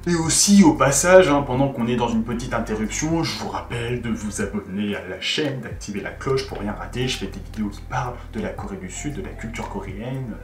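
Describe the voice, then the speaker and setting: A man's voice: medium pitch, a little fast, hardly any pauses. Male video teacher, chatty, roomy distant sound, music bed. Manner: chatty, animated, talks straight to viewers. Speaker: YouTuber teaching Korean. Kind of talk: casual video lesson.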